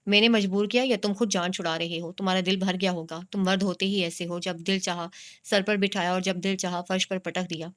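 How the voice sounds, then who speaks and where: A woman reads a hurt, defiant young wife from a romance storybook, firing accusing questions. The voice is clear and smooth, with a narrow, level pitch. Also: steady tone, lightly acted. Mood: upset. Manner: pleading, accusing.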